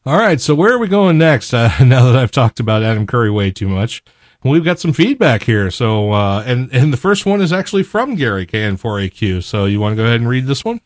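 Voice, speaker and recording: A man's voice: mid-range voice, very animated, brisk, no echo. Chatty podcast co-host man, dry mic. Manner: chatty, many fillers and restarts. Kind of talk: casual chat.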